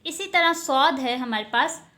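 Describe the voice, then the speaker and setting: A woman gives an online tajweed lesson in a high, light voice. She speaks slowly and patiently, holding out each letter sound so students can copy it. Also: pushed and bright, slight background noise. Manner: explains patiently, models slow drawn-out letter sounds. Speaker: Quran recitation teacher.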